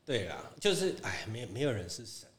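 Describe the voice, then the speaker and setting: A man's voice: medium pitch, a little fast. A man with a Taiwanese Mandarin accent, speaking frankly as a podcast guest, laughing often. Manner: animated, frank, laughs often, mimics critics. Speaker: podcast guest, fitness competitor. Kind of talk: casual podcast chat.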